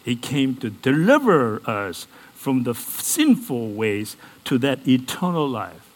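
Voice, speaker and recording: A man's voice: mid-range voice, big pitch swings, takes it slowly, low-quality recording. A man preaching a sermon. He keeps asking the congregation questions and acts out Bible characters in casual modern speech.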